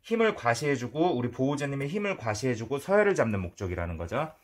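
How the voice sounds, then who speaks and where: A male dog trainer calmly explaining grooming to an owner, with firm, drawn-out soothing praise for the dog. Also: mid-range voice. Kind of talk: hands-on training demonstration.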